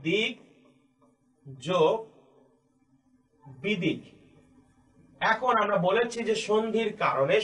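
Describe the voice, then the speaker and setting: A Bangladeshi Bengali man teaching a grammar class in a high-pitched voice. He is patient and slow, and he repeats each key point. He speaks straight to his students like a classroom teacher.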